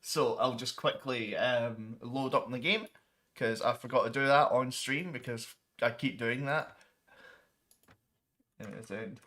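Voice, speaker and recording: Male gaming streamer, bright forward voice, chatty and rambling, casual commentary over gameplay. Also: mid-range voice, unhurried. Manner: rambling, many ums and restarts, mild swearing substitutes.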